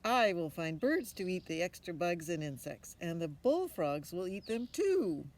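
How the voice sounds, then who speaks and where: A woman's voice: fairly low pitch, big pitch swings, unhurried, darkish tone. An older woman voicing an eager, confident young boy in a storybook, earnest and emphatic, recorded outdoors. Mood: eager, assured. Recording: outdoor ambience with noticeable background noise.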